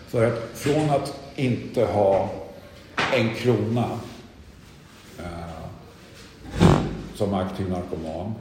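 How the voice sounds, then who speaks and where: A man's voice: lowish voice, dark tone, a little hiss or hum. Candid middle-aged man, echoey hall. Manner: candid, self-deprecating storytelling. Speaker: speaker sharing his recovery story. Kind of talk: personal testimony talk.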